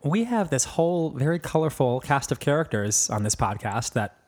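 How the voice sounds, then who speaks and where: A man hosting a podcast in a casual chat, cheeky and full of quick jokes. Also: on the high side, big pitch swings, darkish tone. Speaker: podcast host.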